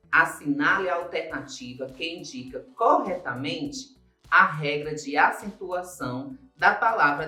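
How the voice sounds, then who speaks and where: A man with a Brazilian Portuguese accent, a Portuguese teacher giving a recorded grammar lesson. He explains slowly and step by step, repeats key points and stretches out the words he stresses. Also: a little high, sharp tone. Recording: roomy echo with faint music behind.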